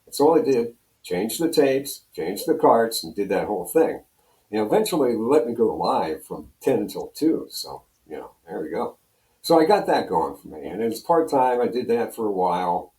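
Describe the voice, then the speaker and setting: An older man from Pennsylvania, appearing as a radio interview guest, rambles through casual anecdotes and acts out snippets of dialogue. His voice is fairly low and warm, with big pitch swings and a moderate pace, in a roomy, echoey recording.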